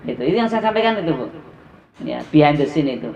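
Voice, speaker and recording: A man's voice: fairly high pitch, animated, fast, creaky, darkish tone. A man preaching a sermon to a women's study group, stressing points with rhetorical questions to his listeners. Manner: emphatic, rhetorical questions to the audience. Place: mosque study gathering. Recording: dull lo-fi recording with crowd.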